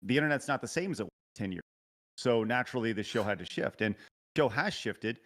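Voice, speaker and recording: An animated, brisk man with a mid-range, fairly bright voice hosts a show and interviews a guest casually over a glitchy remote call. The breaking-up audio cuts in and out as he rambles hesitantly with lots of filler and restarts.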